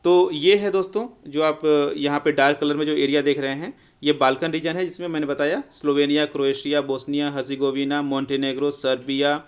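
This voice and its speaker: Male teacher, fairly high voice, explanatory lecture, emphatic. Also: steady tone, brisk, hardly any pauses, clear, resonant tone. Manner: explanatory, addresses students as friends, emphatic. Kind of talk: classroom lecture.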